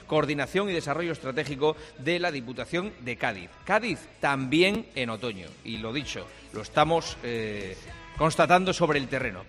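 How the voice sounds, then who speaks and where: A man's voice: medium pitch, a bit bright, long reverb tail. A man hosting a live radio sports show, announcing emphatically with a few filler hesitations.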